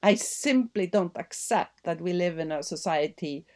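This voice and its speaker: A woman's voice: fairly low pitch, expressive, measured pace, a little mellow. A middle-aged woman from Iceland with an Icelandic accent, answering interview questions thoughtfully, with many fillers and restarts. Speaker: guest. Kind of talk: podcast interview conversation.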